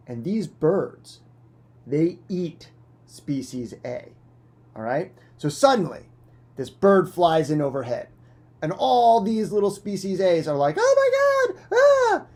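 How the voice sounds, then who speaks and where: A man's voice: on the high side, expressive, slow, mellow. A male teacher explaining a science concept through a dramatic, playful story full of sound effects. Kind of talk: animated storytelling lesson.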